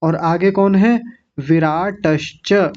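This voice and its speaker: A male teacher leading an online recitation class, patiently drilling each word slowly, syllable by syllable. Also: high voice, a little mellow, highs cut off.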